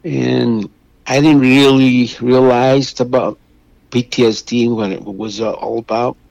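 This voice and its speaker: An older man from Mexico speaks as a guest on a radio show. He talks haltingly and keeps restarting his sentences. His voice sounds dry and close. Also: mid-range voice, steady tone, gravelly, darkish tone, no room sound, dull audio. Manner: halting, with many restarts and fillers. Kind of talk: phone interview.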